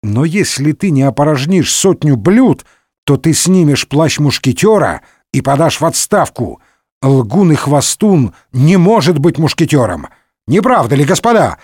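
A man voicing a mocking, boastful male tavern patron who taunts loudly and at a high pitch. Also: sing-song, measured pace, husky, dry recording, studio quality, full character voice. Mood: gloating. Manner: sneering and loud.

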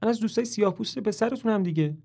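A man's voice: high-pitched, gravelly, warm tone, pitched above the performer's own voice. A man voicing a nervous young man who keeps stammering and over-explaining on the phone, in a dramatic play reading. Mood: flustered.

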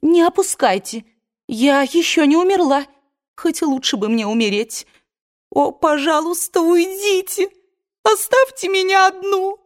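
A woman's voice: extremely high pitch, a little slow, voice pushed up. A woman voicing a wilful young widow who pleads and sobs, in an audiobook. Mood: furious. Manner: pleading, sobbing, petulant.

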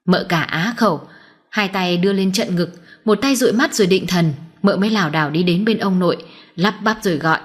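A woman reading a dramatic story aloud in a steady, tense narrating voice. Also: on the low side, brisk.

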